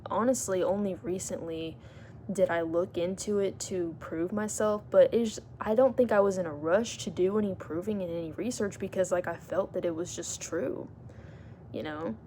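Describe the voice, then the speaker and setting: A woman's voice: fairly low pitch, moderate pace, warm tone, slight background noise. A woman talking to her vlog audience in an earnest, reflective, rambling way. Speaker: vlogger. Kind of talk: casual vlog monologue.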